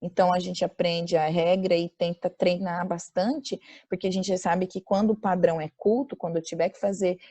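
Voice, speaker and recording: A woman with a Brazilian accent teaching an online grammar class over a video call. She slows down to dictate example sentences and quizzes her students. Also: on the low side, little pitch movement, warm tone. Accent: Brazilian Portuguese.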